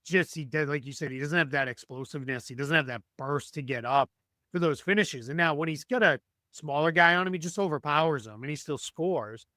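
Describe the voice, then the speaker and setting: A man talking basketball as a podcast guest, his voice fraying as he goes hoarse. He thinks aloud, stopping and restarting mid-sentence with plenty of ums. His pitch sits somewhat high, and the mic is close with no room sound. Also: fairly quick, bright, forceful tone, dry recording. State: losing his voice. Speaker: guest analyst. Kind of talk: podcast sports analysis.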